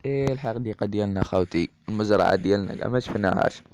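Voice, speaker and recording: A man's voice: lowish voice, racing. A man with an Algerian Arabic accent giving chatty let's-play commentary, talking straight to his viewers as brothers. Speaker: gaming YouTuber. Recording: dull lo-fi mic with steady noise.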